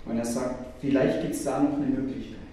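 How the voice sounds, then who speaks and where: Preacher echoing in a large hall. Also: male voice, medium pitch, steady tone, moderate pace, warm tone, slight background noise. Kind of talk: sermon. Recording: echoey hall, voice from a distance.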